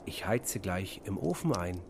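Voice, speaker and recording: Brief: man doing a slow, good-natured storybook host of a snowy hut, noisy home recording. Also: deep voice, very animated, gravelly, heavily acted. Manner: exclaiming, warmly welcoming. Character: kindly man Vanja in a snowy forest hut. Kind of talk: family storybook reading.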